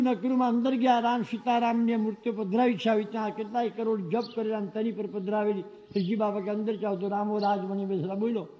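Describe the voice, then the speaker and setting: A man with a high, mellow voice tells a devotional story to a gathering. He acts out the exchanges with animation. The recording is dull and lo-fi, with a long reverb trailing behind his words. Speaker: devotional speaker.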